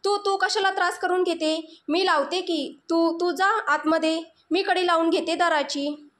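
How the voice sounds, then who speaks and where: A woman's voice: very high-pitched, steady tone, unhurried, fairly bright tone, voice pushed up. A woman voicing a nervous young woman who stammers and fumbles her words as she hides her lover. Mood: flustered. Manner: stammering, flustered.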